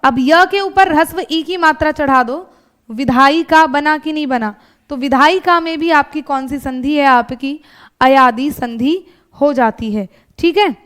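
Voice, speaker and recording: A woman's voice: high voice, measured pace, a bit bright. A woman with a North Indian Hindi accent teaching an exam-prep grammar lesson step by step, asking rhetorical questions and often checking in with her students. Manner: often adds checking tags like "thik hai" and "hai na".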